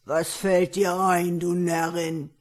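A woman voicing a menacing man-eating male ogre in a storybook reading, speaking slowly and heavily. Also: fairly low pitch, little pitch movement. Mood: gruff.

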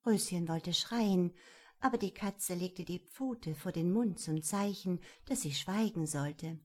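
A woman narrating a children's storybook in a measured, gentle storytelling manner. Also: fairly low pitch. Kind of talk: storybook reading.

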